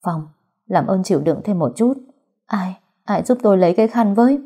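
A woman voicing a frightened young woman who pleads and shouts tearfully in an audio story. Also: medium pitch, expressive, moderate pace, slightly rough. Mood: sobbing, pleading.

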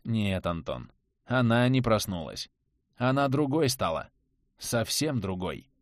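A man voicing a gruff, blunt, tough male survivor in an audiobook. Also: medium pitch, expressive, moderate pace, dry recording, studio quality, close to an everyday voice. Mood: grim, cold. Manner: blunt, scornful.

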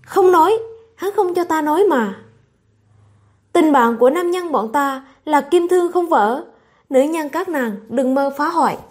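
A woman's voice: sits high, animated, a little slow, a little mellow. A woman voicing a blunt, proud young swordsman who brushes women off, in a storybook reading. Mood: stubborn. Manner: dismissive, blunt.

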